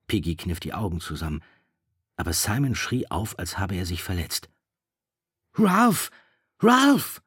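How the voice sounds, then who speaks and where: A man narrating a novel in a measured, steady storytelling voice. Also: deep voice, slightly rough, no echo, clean studio sound.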